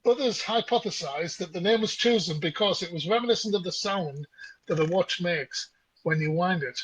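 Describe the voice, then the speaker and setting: A man's voice: sits high, moderate pace, fairly bright tone, breathy edge, rough recording. A man co-hosting a podcast, telling stories in a chatty, casual way. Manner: chatty storyteller. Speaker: podcast co-host. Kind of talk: casual chat.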